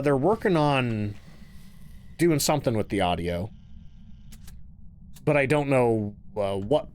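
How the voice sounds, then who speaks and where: A man streaming a horror game, chatting casually with viewers and musing to himself as he plays. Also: medium pitch.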